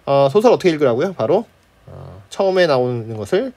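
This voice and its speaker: A man's voice: medium pitch, big pitch swings, vocal fry, dark tone. A man tutoring students through an exam problem set, chatty, often asking "right?" and scoffing at wrong answer choices. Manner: acts out characters in quick playful asides. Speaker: Korean literature tutor. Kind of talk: exam lecture walkthrough.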